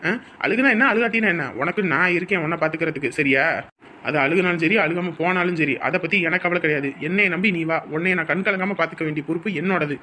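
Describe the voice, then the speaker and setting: A man's voice: fairly high pitch, quick pace, pushed and bright, slight background noise. An actor playing a confident young man who reassures his anxious bride in a family drama. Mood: reassuring. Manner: reassuring, boastful.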